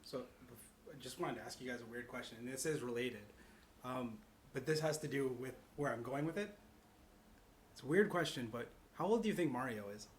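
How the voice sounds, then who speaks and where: As a podcast guest, this man explains his ideas in a loose, rambling, conversational chat. His pitch is medium and his pace fairly quick. Background noise is clear in the recording.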